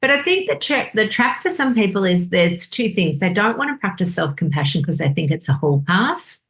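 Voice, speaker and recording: A woman, a doctor on a podcast, explaining in a lively chatty way and acting out inner voices. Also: medium pitch, moderate pace. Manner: animated, acts out inner voices. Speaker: doctor guest. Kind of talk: casual podcast conversation.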